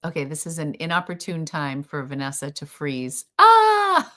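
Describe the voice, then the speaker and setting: A woman with a low-pitched voice co-hosts a casual live stream from a video call. She is chatty and enthusiastic and laughs easily. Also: fairly even intonation, moderate pace. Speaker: co-host.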